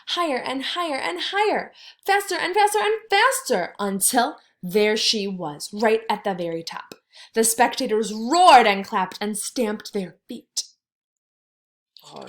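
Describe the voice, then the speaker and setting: A kindergarten teacher, her voice a little high, shares a read-aloud with her young class. Expressive and geared to children, she thinks aloud and puts simple questions to them.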